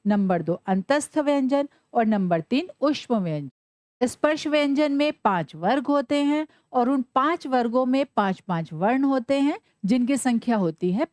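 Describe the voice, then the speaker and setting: A woman teaching a Sanskrit lesson to children, asking questions and answering them herself, spelling out letters slowly. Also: high-pitched, a little mellow, dry recording, studio quality. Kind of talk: classroom lesson.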